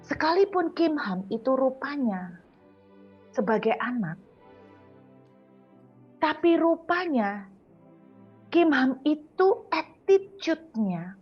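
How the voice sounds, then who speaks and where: A woman preacher with an East Javanese accent gives a morning devotional sermon in a conversational way, slowing down to stress key words. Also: high-pitched, muffled recording. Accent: East Javanese Indonesian. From Surabaya, East Java.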